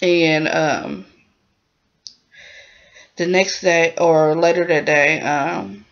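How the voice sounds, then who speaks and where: A woman with a deep, steady voice speaks very slowly while casually recapping a drama episode. She rambles, uses many fillers, and acts out the characters' lines, all on a dull lo-fi recording.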